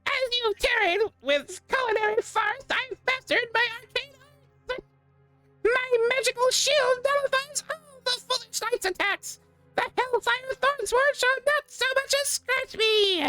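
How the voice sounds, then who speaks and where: A woman's voice: extremely high pitch, measured pace, sharp tone, no echo, faint music behind, full character voice, rough recording. A woman voicing a raging, megalomaniac evil wizard in a theatrical mad-scientist rant, like a comedic story villain. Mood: grandiose menace. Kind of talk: hammed-up comedic villain monologue.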